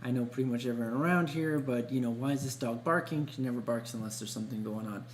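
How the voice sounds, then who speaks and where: Telling stories conversationally, this male podcast co-host keeps things easygoing and colloquial. He talks fast in a mid-range voice, in an echoey room with hum and background noise.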